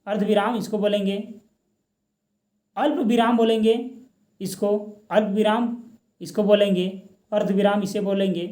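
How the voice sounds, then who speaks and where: Over a set of slides, a man whose voice is high yet dark in tone lectures on grammar for exam preparation. Patient and slow, he raises questions only to answer them, mixing English words into the Hindi.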